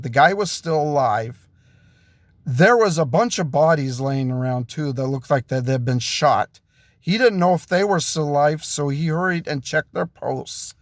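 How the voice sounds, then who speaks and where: A man telling an improvised story in a halting way, with restarts and self-corrections. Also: a little high, no room sound, studio quality. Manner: slow, halting delivery with restarts.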